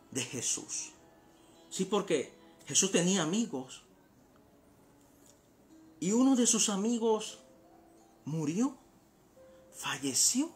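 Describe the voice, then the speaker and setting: Male pastor, slow, bright, penetrating voice, soft music underneath. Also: on the high side. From Panama. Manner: impassioned preaching, swinging from hushed to shouting. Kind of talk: sermon.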